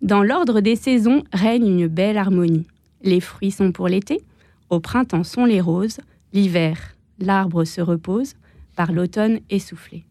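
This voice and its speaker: Woman reading verse aloud, mellow, dry close sound, measured. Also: medium pitch, no room sound.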